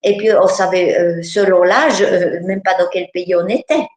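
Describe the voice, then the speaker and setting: A woman's voice: lowish voice, normal speed, a little mellow. Hesitant woman telling her story, echoing room. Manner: hesitant, lots of filler sounds. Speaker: guest giving a testimony. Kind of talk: personal testimony.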